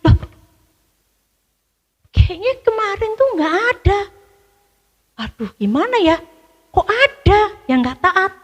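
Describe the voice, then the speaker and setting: A woman's voice: extremely high pitch, sing-song, slow, long pauses, pitched above the performer's own voice, heavily acted. A woman voicing a bewildered, distressed leader and his people. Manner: distressed, lamenting.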